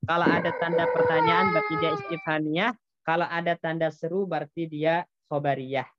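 A man's voice: on the high side, little pitch movement, fairly quick, muffled recording. A man teaching an Arabic grammar class, patiently explaining step by step and quizzing his students.

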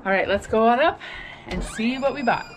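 A woman in her thirties chats brightly to her viewers as she goes through her groceries. She talks in an easy, upbeat vlog manner, and a faint hiss sits under the camera-mic sound. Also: fairly high pitch, moderate pace. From Alaska. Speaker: vlog host. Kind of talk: casual shop-with-me vlog chat. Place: car, then home kitchen.

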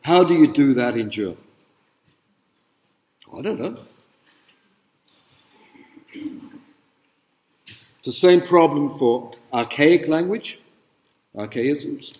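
A man's voice: a little high, lively intonation, drawn-out words, pauses often, darkish tone. A middle-aged man giving a casual university lecture to students, chatty, with filler words and rhetorical questions. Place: large lecture hall. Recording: echoey hall, speaker away from mic.

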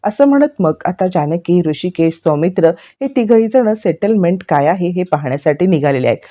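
A woman narrating an episode recap of a TV serial, retelling the dialogue in a steady, explanatory flow. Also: lowish voice, moderate pace.

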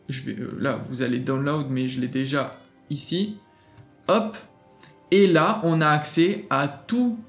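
Casual gaming host, male, slightly high voice, chatty and keen, faint music underneath. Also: creaky. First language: French. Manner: chatty, enthusiastic, many fillers and restarts. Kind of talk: casual screen walkthrough.

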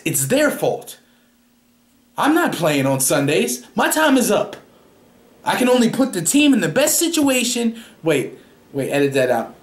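A young man in a mock press conference, playing a coach who gives cocky, defensive, rambling answers into a close studio microphone in a small room. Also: sits high. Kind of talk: comedic parody press conference. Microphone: large studio microphone close up.

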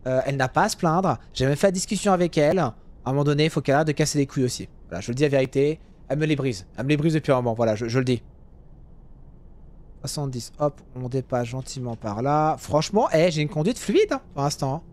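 A young man giving casual, jokey commentary while playing a driving game, now and then yelling at other drivers. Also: fairly high pitch, animated, quick pace. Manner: chatty, jokey, swings to loud yelling at drivers. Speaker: gaming youtuber.

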